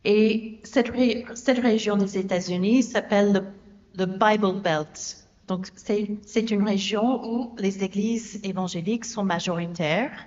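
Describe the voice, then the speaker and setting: A woman's voice: mid-range voice, fairly even intonation, measured pace, a little mellow, big-room sound, highs cut off. A woman with an American accent giving a conference talk in a church, speaking hesitantly with many fillers and restarts. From United States (Oklahoma). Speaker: theology lecturer, conference speaker. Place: Protestant church.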